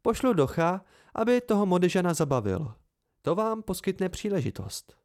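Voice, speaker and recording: A man's voice: high-pitched, sing-song, darkish tone, voice pushed up. A man voicing a teasing, playful young woman in an amateur audiobook reading. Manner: teasing, lilting.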